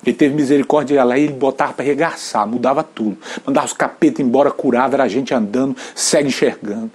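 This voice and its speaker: Husky Brazilian male pastor, earnest sermon delivery, whisper-soft to loudly emphatic. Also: mid-range voice, fast. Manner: earnest testimony, drops to near whispers, climbs to loud emphatic peaks.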